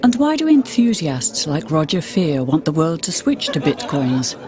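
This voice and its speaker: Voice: mid-range voice, very animated, moderate pace, crowd noise. A narrator delivering polished, scripted documentary narration. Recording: narration over clear music.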